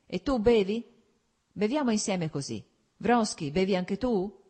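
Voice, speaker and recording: A woman's voice: medium pitch, expressive, unhurried, warm tone, slightly rough, voice pushed up. A woman voicing a scruffy, hungover young officer who jokes and teases in a mock-solemn way. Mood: playful teasing.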